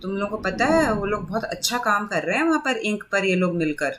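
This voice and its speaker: A woman's voice: medium pitch, lively intonation, brisk, fairly bright tone, a little hiss or hum, close to an everyday voice. A woman reading a story aloud, voicing a cheerful, confident young woman who teases and laughs. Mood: encouraging. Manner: teasing, laughing.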